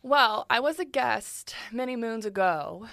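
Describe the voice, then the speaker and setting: Giggly woman in her twenties, slightly high. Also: expressive, measured pace, gravelly, fairly bright tone, dry recording, studio quality. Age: 20s. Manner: giggly, playful. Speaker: podcast co-host. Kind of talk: casual podcast chat.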